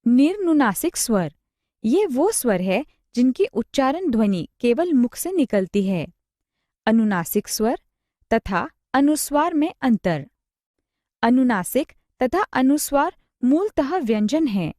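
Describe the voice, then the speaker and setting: A woman reading a scripted grammar lesson, spelling out examples one at a time in a slow, measured way. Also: sits high, sing-song, a little mellow, dry recording, clean studio sound. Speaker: teacher.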